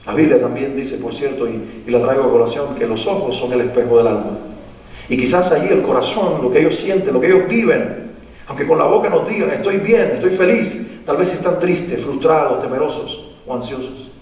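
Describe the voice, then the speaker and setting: A man's voice: medium pitch, brisk, a little mellow. A man gives a public lecture to parents in a school theater. He speaks earnestly and repeats phrases for emphasis. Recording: echoey hall, voice from far off.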